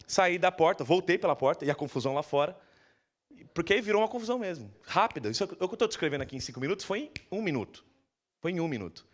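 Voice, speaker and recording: A male pastor with a Brazilian Portuguese accent, preaching a sermon in a church in a lively storytelling manner and acting out the people he quotes. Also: a little high, racing.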